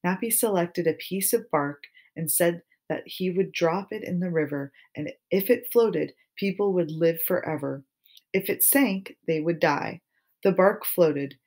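Steady woman narrating an audiobook. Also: fairly low pitch, measured pace. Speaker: audiobook reader. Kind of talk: first-person audiobook narration.

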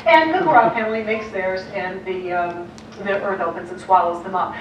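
An American woman art historian with a medium-pitched voice gives a lively illustrated lecture to clergy, full of quick asides and acted-out quotes. She stands at a lectern in a large, dim auditorium with a projector screen, recorded by a distant room mic far from the camera. The lo-fi audio is echoey, with faint hiss.

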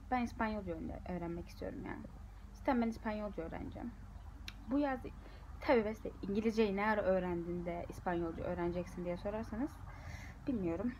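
A woman's voice: mid-range voice, darkish tone, a little hiss or hum, rough recording. A young woman, a university student, chatting casually to her viewers in a frustrated, rambling way. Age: young adult. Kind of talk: casual vlog talking to viewers.

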